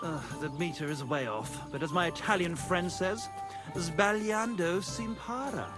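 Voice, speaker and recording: A man's voice: high voice, normal speed, music in the background, natural voice. An actor playing a pompous, lovesick male troubadour poet in a video game, theatrical and scornful of anyone he thinks a boor. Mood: haughty. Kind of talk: video game cutscene acting.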